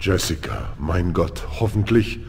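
A man's voice: low voice, sing-song, a little slow, vocal fry, a little mellow, faint music behind, exaggerated voice. An older man playing a grave space commander and loving father, solemn and heartfelt, in a video game cutscene. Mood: worried. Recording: echoing hall, some noise.

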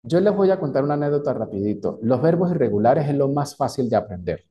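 A man's voice: mid-range voice, very animated, dark tone, highs cut off. Patient man teaching English. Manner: patient, explains slowly, reads English dialogue aloud. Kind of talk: online class lecture.

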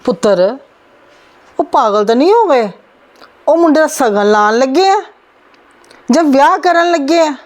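A worried mother of modest means, played by a woman, talking her married daughter through a family problem. Her voice sits fairly high, and she coaxes and instructs patiently. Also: expressive, unhurried, long pauses. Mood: indignant. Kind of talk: amateur family drama acting.

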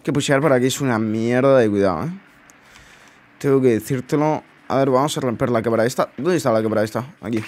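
A man's voice: medium pitch, fast talker, a little mellow, slight background noise. A man giving casual, incredulous commentary over his own gameplay, muttering asides to himself. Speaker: gaming YouTuber.

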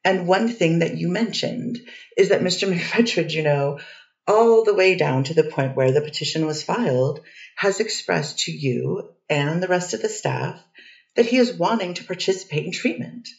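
Reading as the defense attorney in a courtroom transcript for readers theater, this woman asks her cross-examination questions methodically and steadily. Her fairly low, creaky voice has a darkish tone and lively intonation at a moderate pace, captured in a dull, distant, echoey recording.

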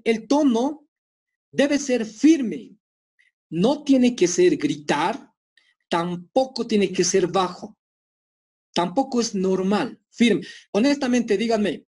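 Husky Bolivian man lecturing firmly. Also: high-pitched, darkish tone. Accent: Bolivian Spanish. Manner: firm, lecturing, acts out quick dialogues. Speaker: teacher. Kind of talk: online class lecture. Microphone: video call.

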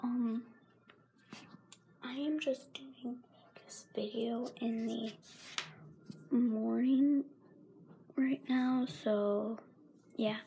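Here the sore-throated teen vlogger talks extremely slowly and pauses often, her slightly high voice gravelly and mellow, her intonation fairly even. She rambles, apologizes and often half-whispers in her casual pet vlog, shot on a handheld phone in a carpeted room at home. The audio is poor, with a little hiss or hum.

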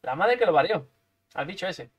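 Playful gaming streamer, high voice. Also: male voice, expressive, moderate pace, breathy edge. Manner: playful, lots of sound effects and repeats. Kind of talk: live gameplay commentary.

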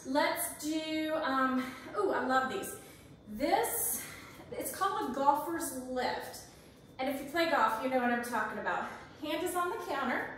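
A woman in her forties, acting as a fitness instructor, counts reps and encourages whoever is watching as she works out in a spacious home kitchen. Her high voice has a fairly bright tone over slight background noise. Because the camera is across the room, the sound is echoey and she seems far away.

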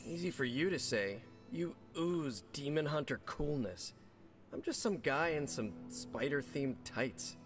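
An actor playing a young, nervous and quippy male superhero in a video game, joking fast with his voice jumping up and down. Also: animated, faint music behind. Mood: chatty. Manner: jokey, fast and playful, voice jumping high and low.

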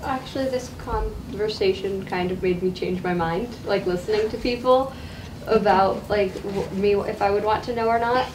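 A woman's voice: mid-range voice, moderate pace. A teenage girl, a student, speaking reflectively with many fillers. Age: teens. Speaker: student participant. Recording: echoey room from far off with noise.

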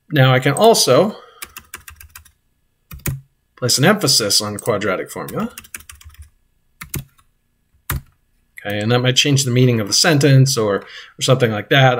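Man, teacher, screen-recorded coding lesson, halting delivery, frequent fillers, middle pitch. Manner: halting, many fillers and restarts.

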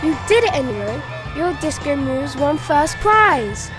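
Woman voicing a high-pitched cocky cartoon boy. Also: sing-song, unhurried, music in the background, a crowd in the background. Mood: teasing. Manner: exclamatory, boyish slang. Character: cocky, excitable young boy hero. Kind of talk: cartoon toy-play character acting.

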